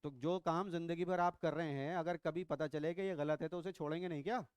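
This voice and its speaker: A man's voice: on the high side, steady tone, brisk, darkish tone, clear, resonant tone, no room sound. A middle-aged man teaching biology to a class, quizzing and teasing his students as he lectures. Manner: teasing, quizzing students, mixes English into Hindi.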